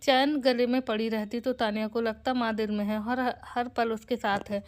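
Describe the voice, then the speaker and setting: Narrator: woman, fairly high voice, scripted story reading. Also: fairly even intonation, normal speed. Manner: reads dialogue of every character in her own voice.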